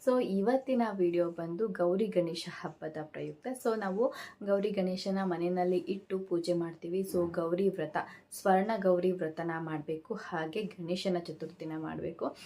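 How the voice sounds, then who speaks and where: Woman vlogger walking thru festival rituals, kinda low gravelly voice, lots of "so" and little pauses. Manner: steady explanatory delivery with frequent "so" and hesitation sounds. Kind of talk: casual instructional talk to camera.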